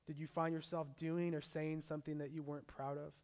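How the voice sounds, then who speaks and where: A young man preaching a sermon as a pastor, mixing scripture with a relaxed personal story. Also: on the high side, fairly quick.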